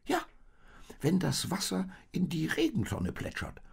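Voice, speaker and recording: A man voicing a contrary, matter-of-fact sheep in a storybook reading, speaking high and loud. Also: wildly swooping pitch, unhurried, gravelly, husky, heavily acted. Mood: insistent.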